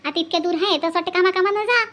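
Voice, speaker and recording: A woman's voice: extremely high pitch, rapid-fire, fairly bright tone. A woman voicing an older village woman from who scolds and hands out repeated advice. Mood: fond grumbling. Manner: scolding, repetitive advice-giving. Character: older village woman, bossy, lecturing elder.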